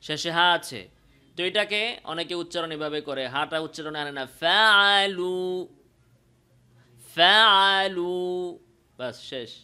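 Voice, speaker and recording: A man with a Bangladeshi Bengali accent teaching Quran pronunciation, stretching out each sung example and explaining quickly in between. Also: on the high side, bright, forceful tone, slight background noise. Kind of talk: tajweed pronunciation lesson.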